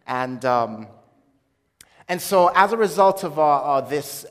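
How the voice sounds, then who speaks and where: This man speaks slowly in a higher, fairly bright voice with lively intonation, giving a casual religious testimony to an audience and often searching for words. Born in Jamaica, he moved to Brooklyn, New York in childhood. The echoey hall adds a long reverb.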